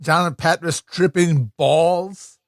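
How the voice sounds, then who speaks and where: A man chimes in on a podcast with halting, offhand remarks. His voice sits a little high, and the recording is dry. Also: dry recording. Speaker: podcast co-host. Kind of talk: casual chat.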